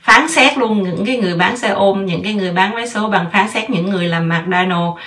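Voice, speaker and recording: A woman's voice: mid-range voice, brisk, fairly bright tone, distant mic. A woman in her thirties hosting a podcast, giving casual parenting advice in a chatty way and slipping English words into her talk.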